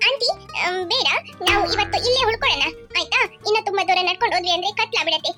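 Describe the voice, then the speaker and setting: A performer voicing a calm young woman guiding others through a forest in a cartoon, patient and reassuring. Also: extremely high pitch, rapid-fire, exaggerated voice. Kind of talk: cartoon voice acting. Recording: music playing behind.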